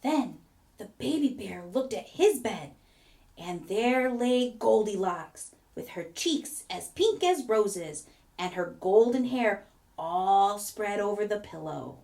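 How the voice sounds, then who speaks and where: A woman narrating a children's fairy tale from a script, with expressive storybook emphasis. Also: medium pitch, slow pace, creaky.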